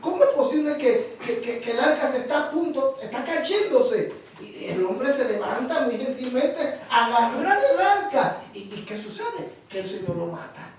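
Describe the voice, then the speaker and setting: A Panamanian man preaching a sermon in an animated storytelling way, repeating words as he goes. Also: very high-pitched, moderate pace, few pauses, heavy reverb, distant mic, a little hiss or hum, low-quality recording. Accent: Panamanian Spanish.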